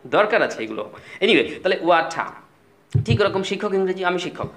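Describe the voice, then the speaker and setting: A man's voice: high-pitched, very animated, quick pace, a bit bright. Man teaching, repeats words. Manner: explains patiently, repeats words and spellings, mixes English phrases into his talk. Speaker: English teacher. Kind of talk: spoken English tutorial.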